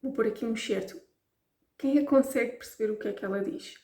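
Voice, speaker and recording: A woman's voice: fairly high pitch, fast talker, creaky, warm tone, reverberant, distant mic. A woman with a European Portuguese accent teaching pronunciation in a chatty way, repeating words to show how they sound. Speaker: language teacher. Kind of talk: casual language lesson to camera.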